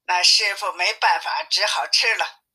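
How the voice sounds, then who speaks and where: Bright-voiced woman telling a story. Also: fairly low pitch, moderate pace, slightly rough, low-quality recording. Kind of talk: audiobook storytelling for listeners.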